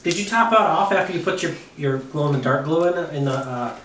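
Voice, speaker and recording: A man's voice: on the high side, brisk, a bit bright. A middle-aged man from New York chatting casually with his family at home, easygoing and jokey, trailing off with fillers. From New York, USA. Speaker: father and channel co-host. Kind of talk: casual family vlog chat. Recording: echoey room, far from mic, faint noise.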